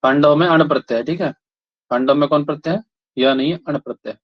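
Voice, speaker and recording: A man's voice: on the high side, quick pace. Man teaching grammar, quizzing students. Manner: repeats questions, prods students for answers. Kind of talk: classroom lesson, questioning students. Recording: dull lo-fi sound.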